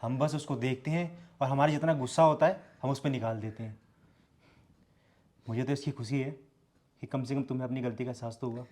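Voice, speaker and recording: A man acting a gentle husband in a short drama who reassures his upset wife. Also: mid-range voice, fairly even intonation, a little fast, pauses often, natural voice. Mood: consoling. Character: calm, kindly husband consoling his wife.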